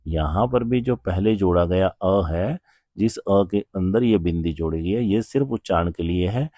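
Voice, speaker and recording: A man's voice: low-pitched, mellow, dry recording, clean studio sound. A man teaching a grammar lesson, explaining step by step and often asking questions before answering them. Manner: slow, patient explaining with frequent rhetorical questions. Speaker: Sanskrit teacher.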